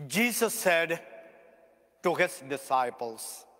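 A male priest reads scripture in a slow, measured liturgical cadence, his voice sitting a touch high for a man. The sound carries a long cathedral echo and comes from some distance away in a large church. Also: very animated, a bit bright. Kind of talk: reading the Gospel at a funeral Mass.

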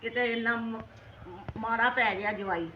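In an amateur family skit, an older woman plays an indignant mother scolding her daughter's husband, repeatedly cutting in with "hain?" to ask what she thinks. Her lightly acted voice is on the high side, steady and a little slow. The recording sounds roomy, dull and lo-fi, with slight background noise.

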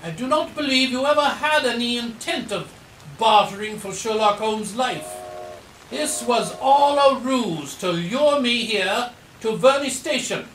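In a roomy, echoing space, a man plays an indignant gentleman doctor for an audio drama. His voice is high for a man and sharp, with formal, emphatic delivery. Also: unhurried. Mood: defiant. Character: earnest, indignant gentleman doctor, loyal friend of a detective. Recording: roomy echo, faint background noise.

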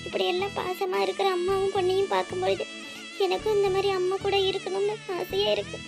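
A woman voicing a sad young girl in a cartoon who longs for her mother, speaking softly and wistfully with a Tirunelveli Tamil accent. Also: very high voice, little pitch movement, fast, creaky, music in the background. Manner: soft, wistful. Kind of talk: cartoon voice acting.

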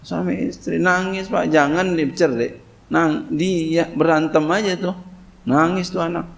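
In a kitab study sermon, a male cleric explains tafsir in a fairly high voice with vocal fry and fairly level intonation. He first reads the Arabic slowly, then gives casual Indonesian explanations with frequent "ya."

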